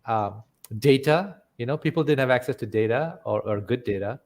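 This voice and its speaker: A man's voice: medium pitch, animated, normal speed, a little mellow. A man who is a podcast guest, explaining his experience in a reflective way and often checking in with "right?". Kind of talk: conversational interview.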